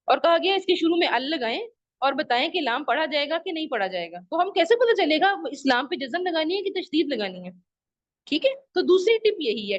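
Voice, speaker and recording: A woman teacher with a voice that sits high gives children an online lesson over a video call microphone. She patiently repeats rules and examples and asks the class questions. The recording is dry and the audio dull.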